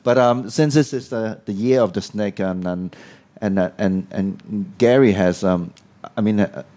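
Mellow, low-voiced man. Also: unhurried. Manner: hesitant, with many fillers and restarts, laughing along. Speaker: co-host and learner. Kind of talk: casual lesson banter.

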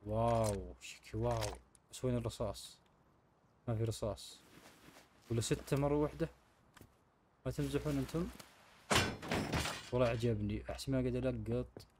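A man's voice: medium pitch, moderate pace, pauses often, warm tone, slight background noise. Chatty man playing a game. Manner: chatty, talks to viewers while playing. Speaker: gaming channel host. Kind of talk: casual game commentary.

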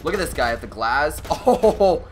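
A young man with an excitable frat-bro way of talking, doing casual gameplay commentary. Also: fairly high pitch, unhurried, slight background noise. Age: young adult. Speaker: gaming video host playing a shooter. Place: small indoor room at home.

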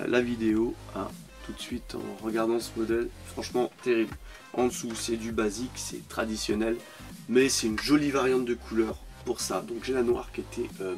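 A man with a French accent giving casual, enthusiastic commentary on toy cars from his collection, often repeating words for emphasis. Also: medium pitch. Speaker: toy car collector vlogger.

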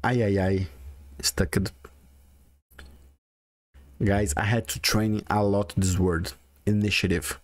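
A gaming video creator in his forties with a strong Brazilian Portuguese accent casually comments on his own card game, chatting and thinking aloud. His voice is on the low side with a flat, slow delivery and long pauses, in a studio-quality recording with no room sound.

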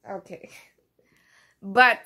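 A young woman vlogging about motherhood in a casual, candid way, with many fillers and pauses. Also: pushed and bright, a little hiss or hum. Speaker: mom vlogger. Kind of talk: casual vlog talk.

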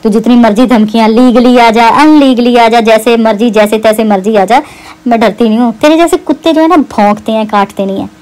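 A woman rants straight to camera. She taunts and mocks, hammering the same jabs again and again. Her delivery stays sharp and scornful throughout. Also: a little high, fairly quick, low-quality recording. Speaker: YouTuber responding to a rival. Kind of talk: heated rant to camera.

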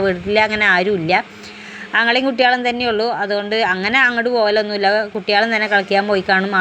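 Fast-talking woman vlogger. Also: mid-range voice, a bit bright, a little hiss or hum. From Kerala, India. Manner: chatty, rambling, frequent tag words. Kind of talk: casual day-in-my-life vlog narration.

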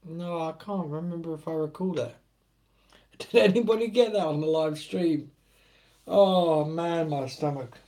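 A British host chats on a live stream in a loose, joking way, often breaking into laughter. His delivery is slow and unhurried, and his voice has a mellow, soft-edged tone. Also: fairly high pitch. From United Kingdom. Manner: jokey and joshing, laughing often. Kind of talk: casual live-stream chat.

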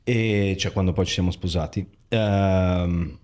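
A man with an Italian accent whose voice sits deep and low. He hosts a relaxed chat, asking questions and offering easy agreement along the way. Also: slow. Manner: relaxed, asks questions, frequent agreeing backchannels. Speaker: podcast host. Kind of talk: casual podcast conversation.

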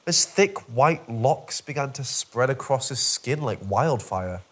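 A man narrating a scripted first-person horror story with wry, dark humour. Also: mid-range voice, animated, unhurried.

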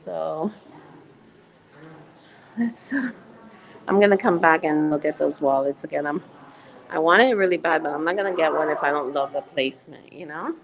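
A woman in her fifties hosting a chatty live shopping stream from inside a store, gushing and excitable, laughing often and greeting viewers by name. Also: deep voice, moderate pace, pauses often, rough recording. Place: indoor retail shop.

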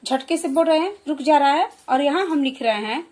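A woman giving a slow, clear children's lesson, explaining and repeating example words. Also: high voice, darkish tone. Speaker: primary school teacher.

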